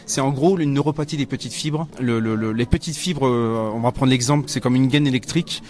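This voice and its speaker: A man in his thirties speaking for an association, answering interview questions earnestly with halting fillers. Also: mid-range voice, a little mellow. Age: 30s. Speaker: association representative.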